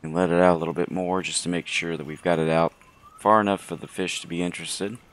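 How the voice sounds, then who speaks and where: A man with a slightly hoarse voice giving casual, unhurried, low-voiced commentary as host of a gaming video. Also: steady tone, fairly bright tone. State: hoarse from throat trouble.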